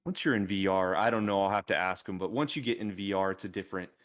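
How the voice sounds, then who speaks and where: A man co-hosting a gaming podcast, telling a story in lively casual chat and laughing easily. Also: deep voice, fast talker. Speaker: podcast co-host.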